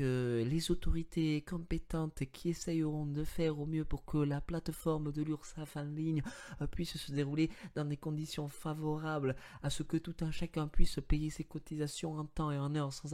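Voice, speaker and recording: A polite fifty-year-old clerk lady, as a man puts her on, drawling formal office jargon at a crawl. Her pitch stays a little high, with only modest swings. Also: flat delivery, warm tone, lightly acted. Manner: slow, stiff bureaucratic phrasing.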